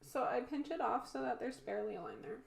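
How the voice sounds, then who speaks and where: Congested, high-voiced woman chatting casually. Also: quick pace, gravelly. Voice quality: congested, blocked-nose sound. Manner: informal, rambling, candid. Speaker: makeup vlogger. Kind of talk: casual chatty makeup tutorial. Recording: roomy echo.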